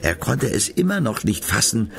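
A man narrating a children's story with an expressive, lively reading. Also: lowish voice, moderate pace, creaky, a crowd in the background.

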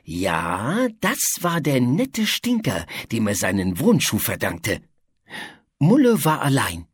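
A man narrating a children's audiobook in a lively storytelling manner. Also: medium pitch, slow pace, slightly rough, dry recording, clean studio sound.

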